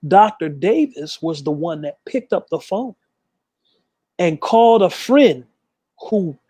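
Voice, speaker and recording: A man, a gospel artist, telling an interviewer about his past in a quick, emphatic way and acting out the voices of people he quotes. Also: sits high, expressive, dark tone, slightly rough, no room sound. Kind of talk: candid storytelling.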